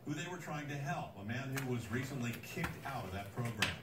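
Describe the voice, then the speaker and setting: A man reporting the news on a TV broadcast heard from across the room, in a measured, informative way. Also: mid-range voice, lively intonation. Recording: echoey, distant, with crowd noise.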